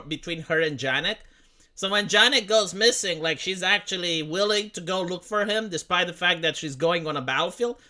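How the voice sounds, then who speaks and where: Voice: mid-range voice, bright, forceful tone. A streamer in their thirties from Romania, rambling to chat in a profane, stop-start way. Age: 30s. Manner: rambling, profane, full of restarts. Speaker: livestreamer. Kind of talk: casual livestream commentary.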